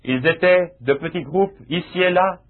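A man's voice: sits high, normal speed. A man preaching a sermon with emphatic, repetitive phrasing that rises into exclamations. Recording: tinny lo-fi phone-like sound.

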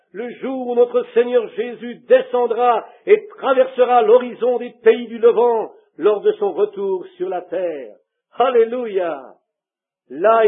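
A fervent male preacher with a high, husky voice, pleading with his listeners as he tells the story. The sound is thin and tinny, as if it were coming through a telephone. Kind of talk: sermon. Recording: tinny phone-like recording.

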